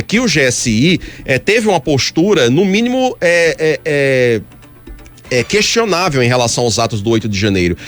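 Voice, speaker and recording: A man commentating on politics in a heated radio debate, emphatic and argumentative, pressing his point insistently from a radio studio. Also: a little high.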